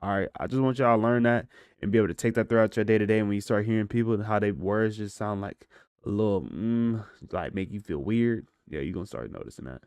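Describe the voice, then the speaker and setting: A man's voice: lowish voice, quick pace, a little mellow, clear, resonant tone, dry recording. An American man giving casual, slangy reaction commentary in a reflective, questioning way. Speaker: commentator reacting to video footage.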